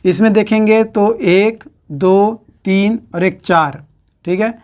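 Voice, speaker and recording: A woman's voice: mid-range voice, slow pace, a little mellow. A woman teaching an exam-prep lecture in speech, counting syllables aloud and repeating each question and answer for her students.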